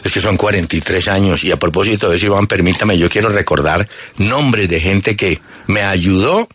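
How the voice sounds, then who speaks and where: An older Colombian man, a longtime radio sports host, telling anecdotes in a relaxed chat and acting out the voices he quotes. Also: moderate pace, breathy edge. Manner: storytelling, acts out quoted voices with pitch jumps.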